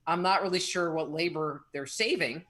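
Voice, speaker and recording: A woman with a deep, fairly bright voice co-hosts live radio, chatting casually at normal speed. She talks in a reflective, rambling way and frequently restarts her sentences.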